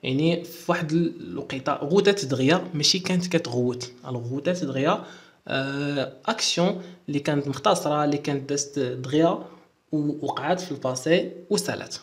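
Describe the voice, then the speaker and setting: A man's voice: on the high side, fairly quick. A man with a Moroccan accent explaining French verb endings in a lesson and spelling out endings letter by letter. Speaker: French teacher.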